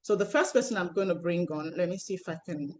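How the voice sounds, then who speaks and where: A woman's voice: fairly low pitch, fast. Chatty woman hosting an online panel. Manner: chatty, rambling, many restarts. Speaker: host and relationship coach. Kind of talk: live online panel introduction.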